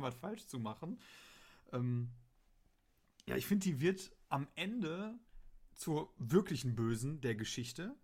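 A man talking in a loose, rambling way, filling his sentences with ums and ahs. He chats casually about a radio play. Now and then he slips into quick acted quotes. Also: mid-range voice, darkish tone. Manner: rambling, many fillers, acts out quotes. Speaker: podcast co-host.

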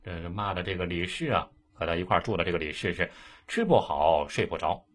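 A man telling an old case story in a lively, colloquial way. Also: sits low, brisk. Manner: lively, colloquial, dramatic asides. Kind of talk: casual storytelling.

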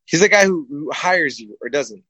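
Rambling, animated boxer telling stories. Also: male voice, on the high side, normal speed, noisy background. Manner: rambling and animated, repeats himself. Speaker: boxer guest. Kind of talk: casual storytelling. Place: studio set, live stream.

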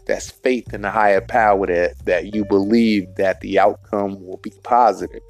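A man hosting a solo podcast rant, profane and emphatic, in street slang, repeating his points and spelling words out slowly. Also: mid-range voice, a little mellow. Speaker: podcast host.

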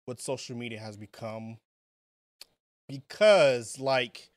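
A man's voice: mid-range voice, slow, dry recording. A man co-hosting a podcast in casual chat, often repeating words as he makes his point. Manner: stammering, repeats words when making a point. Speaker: podcast co-host.

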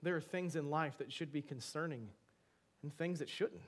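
A male pastor giving a sermon to a congregation in a church, talking conversationally with many rhetorical questions and moving between soft asides and emphatic bursts. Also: a little high, moderate pace.

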